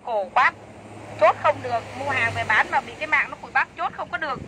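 A woman's voice: high-pitched, brisk, noisy background. A woman selling clothes on a livestream, chatty and enthusiastic, repeating prices over and over. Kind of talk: fast live-sale patter.

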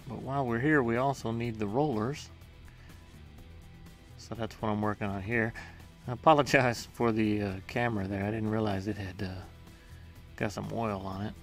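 A man's voice: fairly low pitch, steady tone, normal speed, faint music behind. A man narrating his own workshop build in a casual voice-over, explaining each step in a plain, matter-of-fact way with small hesitations. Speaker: home workshop maker.

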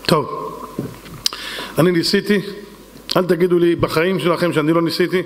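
A male rabbi with a high voice pleads and presses his congregation, repeating his appeal over and over. His words ring out with long reverb in a synagogue hall. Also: fairly even intonation. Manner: insistent, pleading, repetitive. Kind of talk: fundraising sermon appeal. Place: synagogue hall with women's section.

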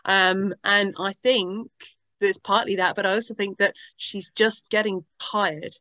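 A woman panelist on a video call, giving a thoughtful, measured analysis with frequent pauses. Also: mid-range voice, fairly even intonation, pushed and bright, dry recording, muffled recording. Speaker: body language panelist.

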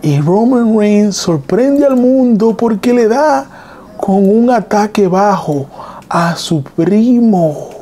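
A man hosting a live stream, excitedly retelling wrestling events and reading chat messages. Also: high-pitched, takes it slowly. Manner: excited, repetitive play-by-play retelling.

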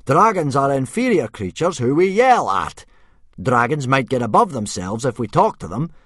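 A man voicing a pompous Viking warrior in a storybook, loudly trying to sound noble and dignified. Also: medium pitch, big pitch swings, normal speed, no room sound, studio quality, pitched above the performer's own voice. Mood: pompous, scornful. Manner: loud, would-be noble and dignified.

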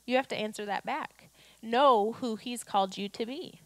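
Woman preaching into a handheld mic, high voice, dry sound, lots of rhetorical questions. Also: normal speed, no room sound. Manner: exhortative, rhetorical questions, acts out quotes. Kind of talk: sermon. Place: church auditorium stage.

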